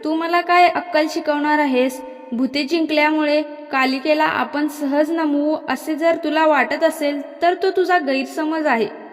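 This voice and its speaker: A woman's voice: high voice, fairly even intonation, a little slow. Woman reading as the scornful angry goddess Kalika. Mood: angry scolding. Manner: scolding, insulting. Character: weary then furious goddess Kalika, scornful. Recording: long hall reverb.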